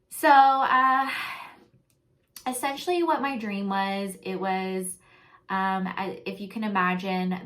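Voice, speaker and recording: A woman's voice: mid-range voice, fairly bright tone. A woman from Canada in casual spiritual talk, rambling with many ums and likes as she recounts a dream. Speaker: spiritual vlogger.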